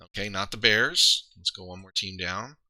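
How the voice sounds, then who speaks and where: A man's voice: fairly low pitch, moderate pace, bright, forceful tone, no echo. A man streaming live, rambling casually to his viewers, trailing off and poking fun at himself. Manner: rambling, self-deprecating, trails off and restarts.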